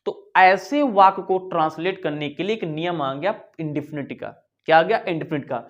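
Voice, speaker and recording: A man's voice: fairly high pitch, moderate pace, dull audio. A man teaching a lesson in a casual, chatty way, asking his own questions and answering them. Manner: chatty, keeps saying "yaar". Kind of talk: casual classroom explanation.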